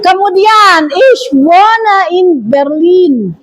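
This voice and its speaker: A woman teaching German to a class, repeating phrases slowly and clearly for her students. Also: very high-pitched, animated. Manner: slow, drawn-out repetition of phrases for students. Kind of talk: classroom lesson. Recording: noisy classroom crowd.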